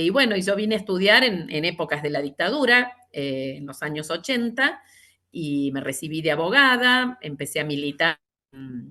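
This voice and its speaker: Argentine woman, fifties, low pitch, bright crisp timbre, measured storytelling pace. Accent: Argentine Spanish. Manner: measured, unhurried, with many fillers and restarts. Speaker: interview guest, lawyer and party leader. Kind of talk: long reflective answer in an interview.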